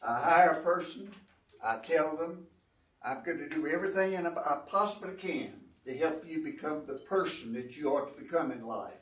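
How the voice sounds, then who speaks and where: An older retired entrepreneur gives an informal, earnest and folksy talk to students, repeating phrases for emphasis. His fairly high voice is animated, a bit bright and at normal speed, picked up by a distant mic with roomy echo.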